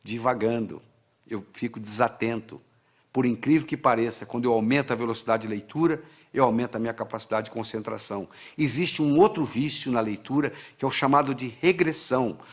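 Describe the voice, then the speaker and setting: A man explains study techniques, counting out the steps and driving key phrases home through repetition. His voice sits at a middle pitch. The recording is slightly muffled and lo-fi. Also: brisk. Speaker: guest teaching study techniques. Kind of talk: instructional talk.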